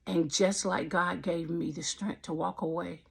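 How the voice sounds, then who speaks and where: A woman in her fifties with a gravelly, husky voice gives a heartfelt personal faith testimony. She talks in a preacherly way and circles back to the same phrases again and again. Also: fairly low pitch, fairly even intonation, a little slow. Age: 50s. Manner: impassioned, repeats phrases, preacherly. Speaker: vlogger.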